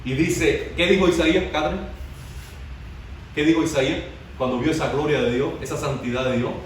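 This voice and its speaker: A man's voice: on the high side, fairly even intonation, moderate pace, a little hiss or hum. Man preaching in a very echoey hall. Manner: call-and-response questions to the congregation; swings from hushed to emphatic. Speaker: youth preacher. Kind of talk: sermon. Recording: very echoey hall, mic far off.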